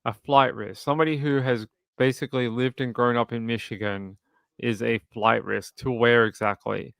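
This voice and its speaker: A man's voice: mid-range voice, fairly even intonation, moderate pace, vocal fry, a bit bright, clean tone, no echo. An Australian man hosting a casual live commentary stream, talking in a dry, sarcastic and skeptical way as he responds to chat. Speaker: livestream host of a true crime channel.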